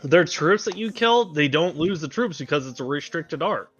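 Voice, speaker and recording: Bright-voiced blunt man on voice chat. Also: a little high, expressive, normal speed, husky, lo-fi sound, soft background music. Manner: blunt, profane, complaining. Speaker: guest co-player. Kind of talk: casual gaming chat.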